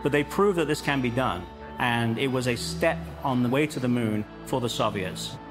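A man's voice: medium pitch, normal speed, over music. A man explaining history conversationally as a commentator in a documentary interview.

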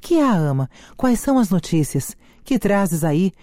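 Reader doing a passionate young noblewoman, slow declamatory delivery, mellow tone, dry sound, read from a play. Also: medium pitch, big pitch swings, no echo, lightly acted. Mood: longing. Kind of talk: dramatic reading of a play.

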